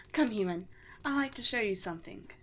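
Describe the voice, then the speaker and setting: A woman takes on the role of a gentle, regal undead queen of vampires in a scripted ASMR roleplay, her words formal, poetic, tender and faintly amused. Her pitch is medium, a little hiss or hum is present, and she sounds inviting and serene.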